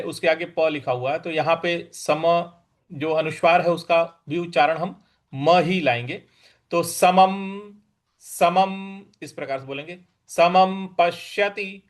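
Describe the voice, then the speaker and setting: A man leads a recitation lesson in a fairly high voice, chanting each verse in slow, stretched-out lines. Between the verses he explains pronunciation briskly, like a patient classroom teacher.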